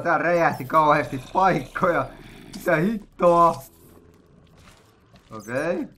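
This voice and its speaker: A young man commentates a game as host. His slightly high voice is bright and forceful. He talks in an excitable, joking way and breaks into sudden loud outbursts. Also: a little hiss or hum. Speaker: gaming video host. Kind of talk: let's play commentary.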